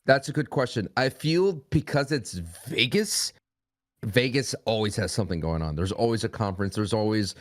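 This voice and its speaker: A man's voice: on the low side, moderate pace. A young man talking as a podcast guest in a rambling, casual way. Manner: rambling, frequent restarts and fillers.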